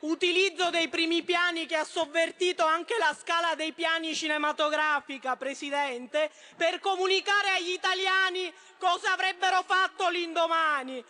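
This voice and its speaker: A combative woman from Sicily makes her case as a member of parliament. Her voice sits very high and bright, staying level in pitch. The chamber around her adds a roomy echo and faint background noise. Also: steady tone, normal speed, few pauses. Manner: emphatic, combative. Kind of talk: parliamentary speech. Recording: echoey chamber.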